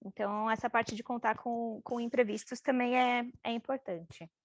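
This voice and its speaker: A woman's voice: a little high, fairly even intonation, normal speed, no echo, muffled recording. A Brazilian woman leading a casual training workshop, chatty and informal, full of fillers and quoted asides. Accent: Brazilian Portuguese.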